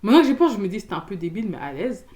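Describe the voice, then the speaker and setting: A young woman from Belgium, telling a storytime in casual slangy chat, loud and expressive, acting out the people in her story. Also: medium pitch, very fast. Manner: casual slangy talk with many fillers.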